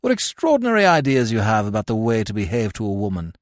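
A man playing a fussy young gentleman who talks in an irritable, flustered way. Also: fairly low pitch, huge pitch swings, fast, dry recording, clean studio sound. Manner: peevish, flustered.

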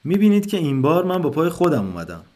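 Man putting on a dignified old grandmother voice, calm, formal, a little raised in pitch. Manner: careful formal speech, soft and gentle. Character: calm elderly grandmother, dignified then wild.

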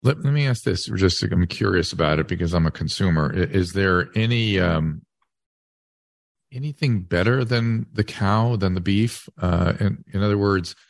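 A man hosting a casual interview, rambling and thinking aloud in a halting way. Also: sits low, gravelly, dry recording, studio quality. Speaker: podcast host and interviewer.

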